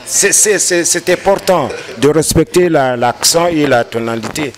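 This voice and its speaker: A man's voice: on the high side, lively intonation, unhurried, a little hiss or hum. A man, a panel guest explaining his view and mixing in Lingala words. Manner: explanatory, mixes in Lingala, rises emphatically. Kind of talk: debate discussion.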